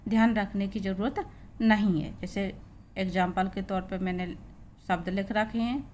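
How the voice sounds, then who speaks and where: A woman's voice: medium pitch, steady tone, moderate pace, darkish tone, muffled recording, a little hiss or hum. A woman with an Indian accent teaching English pronunciation, spelling words letter by letter and repeating each sound. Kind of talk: classroom pronunciation lesson.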